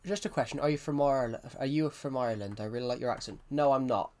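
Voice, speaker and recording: This is casual live-stream chat from a young man from England's Southwest, speaking fast in a medium, slightly mellow voice. He rambles through his game commentary, often starts sentences over, and reads the chat out loud over faint music and the tapping of keys.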